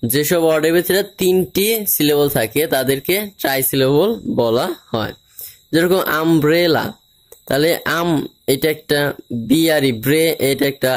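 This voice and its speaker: A man teaching English grammar in an informal classroom style, explaining slowly and spelling words out letter by letter. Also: a little high.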